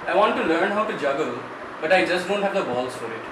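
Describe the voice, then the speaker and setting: A man's voice: on the high side, lively intonation, fast. A young man with an Indian accent bantering and delivering jokes casually. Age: young adult. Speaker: contestant in a dad-joke challenge. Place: small indoor room, across a table. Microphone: distant camera mic. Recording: roomy, distant, loud background noise.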